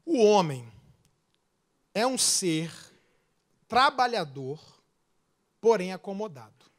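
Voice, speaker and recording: This Brazilian-accented pastor has a high voice and gives an animated sermon. He builds to loud peaks, then slips into rapid asides.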